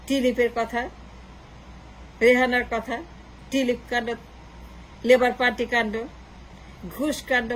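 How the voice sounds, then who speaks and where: A woman's voice: on the high side, a little hiss or hum, poor audio. A woman giving a political opinion monologue, insistent and repetitive, slipping English phrases into her talk. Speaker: political commentator.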